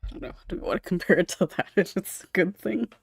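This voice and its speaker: On an online voice call, this podcast host leads a laid-back panel, giggling and hesitating in an informal way. She talks fast in a lowish register with vocal fry and a slightly rough edge. Her own noise-suppressing mic gives a dry, close recording, clean studio sound and no echo.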